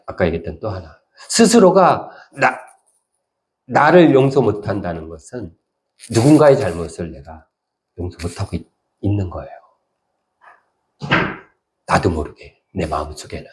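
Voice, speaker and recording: A male pastor giving a conversational sermon, telling stories and now and then acting out voices in sudden high bursts. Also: big pitch swings, normal speed, long pauses.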